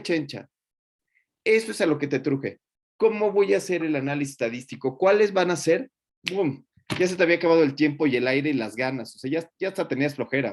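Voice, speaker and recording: A man speaks as a teacher reviewing student presentations in class. His talk is colloquial and joking, with plenty of fillers and asides. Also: a little high.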